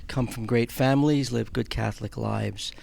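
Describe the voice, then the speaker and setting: A middle-aged film producer and charity house director from Long Island, New York, speaks with a New York accent as an interview guest. His mid-range voice is gravelly, husky and darkish, steady in tone at normal speed, and his answers are hesitant, reflective and plain-spoken.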